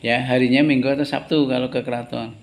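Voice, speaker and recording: A man teaches English to a class. He speaks at an ordinary middle pitch, explains slowly and repeats key words. He keeps turning to his students with questions. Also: fairly even intonation. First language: Indonesian.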